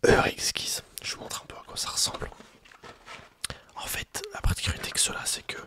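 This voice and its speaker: This ASMR performer, cast as a coffee roastery shopkeeper, whispers a hesitant, improvised sales pitch straight to the listener. The breathy, airy voice moves fairly quickly and carries a sharp tone.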